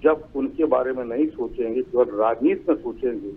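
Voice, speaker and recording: A man's voice: medium pitch, normal speed, breathy edge. A man calling in by phone to a live news show, talking emphatically and rhetorically as a guest commentator. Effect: heard over a phone line. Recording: tinny phone line with faint noise.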